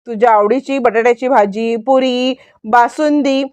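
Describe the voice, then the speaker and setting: A scheming mother-in-law coaxes with overdone sweetness, voiced by a woman narrator. Her voice is high, with a dry, close recording. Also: steady tone, unhurried, darkish tone, smooth, dry recording, natural voice. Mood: coaxing. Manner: sugary, coaxing.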